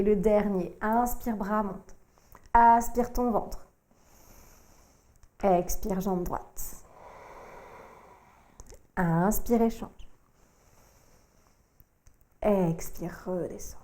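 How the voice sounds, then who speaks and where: A woman, working as a yoga teacher, calmly cueing breath and movement through a core workout. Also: mid-range voice. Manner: calm, slow cueing of breath and movement, addressing the listener informally.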